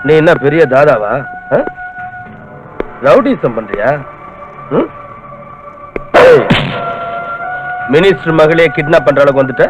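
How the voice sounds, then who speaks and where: A man's voice: a little high, wildly swooping pitch, slow, long pauses, dull audio, heavily acted. An actor playing an aggressive male police officer who interrogates and taunts, with music under the film dialogue. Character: bullying hot-tempered male police officer.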